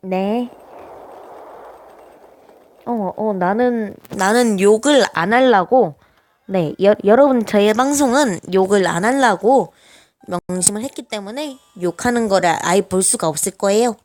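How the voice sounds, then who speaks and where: A woman with a naturally high voice, chatting casually as she plays a life-sim game, hesitant and full of little filler sounds. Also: a little slow, a little mellow, dry recording. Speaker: game streamer. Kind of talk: casual gameplay commentary.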